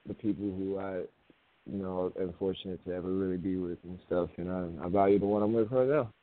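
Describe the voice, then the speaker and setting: A young man with a raspy voice, a guest musician in a casual interview, laid-back, often restarting his words. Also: deep voice, steady tone, brisk. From United States. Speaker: guest hip-hop artist. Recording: tinny phone line.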